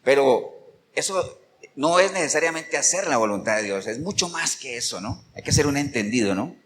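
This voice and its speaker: A man's voice: mid-range voice, animated, normal speed, big-room sound, slight background noise. A male pastor preaching a sermon in Costa Rican Spanish, emphatic and firing rhetorical questions at the congregation. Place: church.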